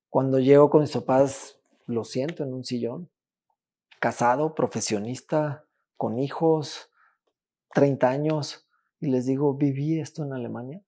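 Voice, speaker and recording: A man, telling his own story as a podcast guest, halting, with restarts and repeated words. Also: mid-range voice, mellow. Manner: halting, with frequent restarts and repetitions. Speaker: interview guest. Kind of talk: personal testimony in a podcast interview.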